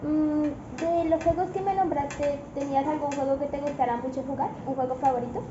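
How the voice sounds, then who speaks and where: A woman's voice: high voice, fairly even intonation, normal speed. A young woman politely interviewing her parents, thanking them after each answer. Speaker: interviewer, daughter. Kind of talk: school interview. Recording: echoey room, muffled, noisy.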